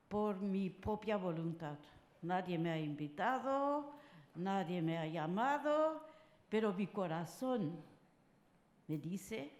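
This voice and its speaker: An older woman from France speaking at a round-table panel, halting and full of filler sounds. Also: on the low side, a little mellow. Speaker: conference panelist. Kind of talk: personal talk at a round table. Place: conference hall. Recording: roomy conference hall sound.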